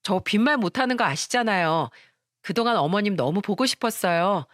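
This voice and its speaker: A woman's voice: expressive, fairly quick, fairly bright tone, dry recording, clean studio sound, lightly acted. A woman voicing a sweet-talking, two-faced young daughter-in-law with a fawning, coaxing manner in a radio story. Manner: fawning, coaxing, shrill when cornered.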